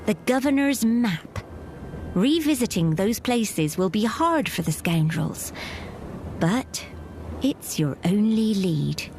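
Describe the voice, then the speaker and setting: A woman's voice: medium pitch, animated, slow pace, darkish tone, slight background noise. A woman reading scripted narration for an adventure game as a dramatic storyteller.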